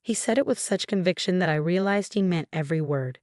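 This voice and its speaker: A woman reading a first-person story as scripted narration, in a steady storytelling manner. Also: fairly low pitch, brisk, no room sound, clean studio sound.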